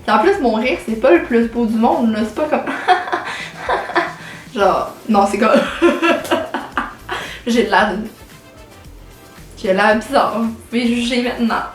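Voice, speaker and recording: A fairly high-pitched young woman speaks at normal speed, chatting casually to camera in a Québécois French accent. She's in her late teens, heavy on fillers and English words, and the echoey room has quiet music in the background.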